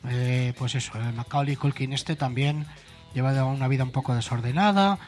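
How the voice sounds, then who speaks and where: A man's voice: mid-range voice, normal speed, darkish tone, faint music behind. Chatty man. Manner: chatty, irreverent, with frequent hesitant "eh" fillers. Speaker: radio show host. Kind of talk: casual radio chat.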